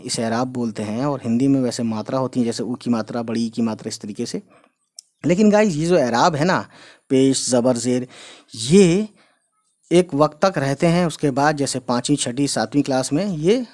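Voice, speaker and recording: A man's voice: medium pitch, a little mellow. Chatty man teaching Urdu script. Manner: explains step by step, repeating each sound and using many fillers; mixes in English phrases. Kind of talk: casual whiteboard lesson.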